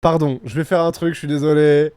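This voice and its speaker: A young man with a French accent giving excitable, exclamatory live reaction commentary, laughing often. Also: on the high side, a little fast, smooth. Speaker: streamer.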